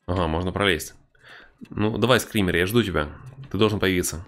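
A man's voice: low-pitched, fairly quick, fairly bright tone, faint music behind. A man giving casual, wry commentary on a horror game playthrough, with mock-tough banter. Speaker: game streamer.

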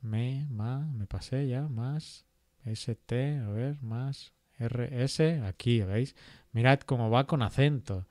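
A man walks through a software tutorial at a computer, thinking aloud and filling pauses with "eh" and "¿vale?". His voice is mid-pitched and recorded dry and close, with no room sound. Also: dry recording. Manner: thinks aloud with frequent fillers and rhetorical "¿vale?". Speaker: GIS instructor.

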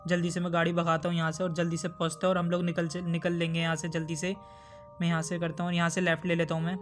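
A man's voice: a little high, monotone, fast, soft background music. A man doing chatty gameplay commentary, talking straight to his viewers and getting jumpy and easily spooked. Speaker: gaming YouTuber.

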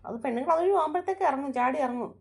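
A woman with a high, quick voice leads the group in a home-made family skit. She tells the story briskly and breaks into fearful exclamations. Music plays clearly underneath her.

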